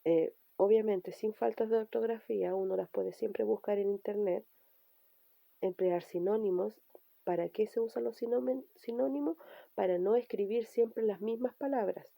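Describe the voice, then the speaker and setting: A woman teacher walks pupils through spelling rules, restating each point patiently. Her voice is gravelly and darkly mellow. The recording is dry and close. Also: medium pitch, moderate pace, no room sound. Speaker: primary school teacher. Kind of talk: recorded remote language lesson.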